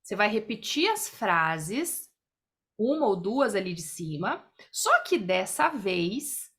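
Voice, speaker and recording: This woman's voice sits at a medium pitch, a little bright, moving slowly with big swings in pitch. As a workshop facilitator on a video call, she leads an online group exercise, explaining each step in turn and repeatedly checking that everyone is keeping up.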